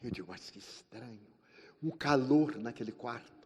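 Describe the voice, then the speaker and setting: A man's voice: moderate pace, breathy edge. Older Brazilian man, spiritist lecturer, theatrical storyteller, live hall with long reverb. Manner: animated storyteller, acting out dialogue with shifting pitch and volume. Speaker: spiritist speaker.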